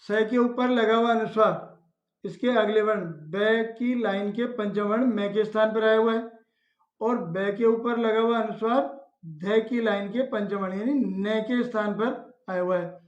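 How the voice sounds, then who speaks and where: A woman teaching a reading lesson, slowly spelling out and pronouncing words one at a time. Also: medium pitch, steady tone. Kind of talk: slow Hindi reading lesson. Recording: echoey room, dull lo-fi sound.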